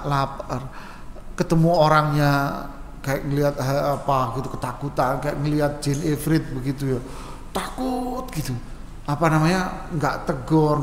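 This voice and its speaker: A man preaching at a mosque study session, answering questions in a relaxed, joking way and mimicking regional speech for laughs. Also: a little high, slight background noise. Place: mosque hall. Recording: echoey mosque hall with long reverb, faint ambience.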